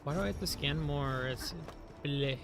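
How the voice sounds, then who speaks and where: A man's voice: fairly high pitch, normal speed, vocal fry. Rambling, sleep-deprived man streaming a game over music. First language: English. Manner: rambling, chatty, heavy use of "like". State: running on very little sleep. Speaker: streamer playing a video game. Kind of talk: casual live-stream chat.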